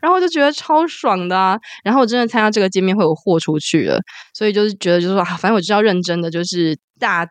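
Hoarse, fast-talking young woman. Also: medium pitch, dry recording. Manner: excited storytelling, acts out her own shouts. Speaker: podcast co-host. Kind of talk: casual podcast chat.

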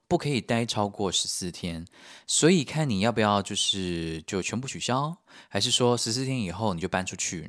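A man voicing a polite, evasive female hostel receptionist who makes hurried, overly courteous excuses. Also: on the low side, no room sound, clean studio sound, natural voice.

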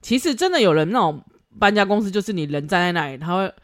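Animated blunt woman host. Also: medium pitch, quick pace. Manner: blunt, swears freely, laughs often. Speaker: podcast host. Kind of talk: casual advice chat.

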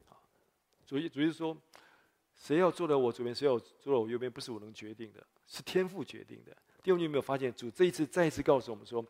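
A man's voice: medium pitch, fast talker, a little mellow, long reverb tail. A male pastor preaching a sermon in a chatty way, asking the congregation rhetorical questions. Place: church.

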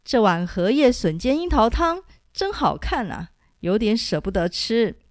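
A woman's voice: fairly high pitch, big pitch swings, unhurried, no room sound, clean studio sound. A woman doing a hearty old beggar man. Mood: relishing. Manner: hearty, boisterous, laughing. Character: jovial old male beggar gourmet.

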